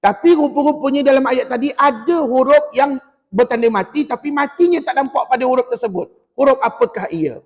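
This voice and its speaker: A Malaysian man with a Malay accent teaching a Quran recitation class in a mosque, quizzing his students in a lively way and chanting the verses slowly. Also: extremely high pitch. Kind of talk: classroom tajwid lesson. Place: mosque hall. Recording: long mosque reverb.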